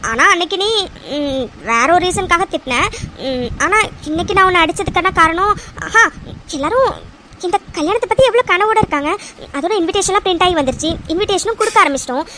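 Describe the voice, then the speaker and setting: A woman voicing a very high, playful bride-to-be. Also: lively intonation, quick pace, bright, forceful tone, a little hiss or hum, heavily acted. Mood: soothing. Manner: teasing and affectionate, fond of exclamations. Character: playful young woman engaged to be married. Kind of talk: cartoon voice dub.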